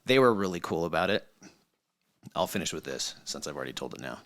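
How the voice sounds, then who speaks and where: A middle-aged man co-hosting a podcast, telling a story in casual chat, animated and laughing as he acts out quotes. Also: low voice, quick pace, no room sound, clean studio sound. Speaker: podcast co-host.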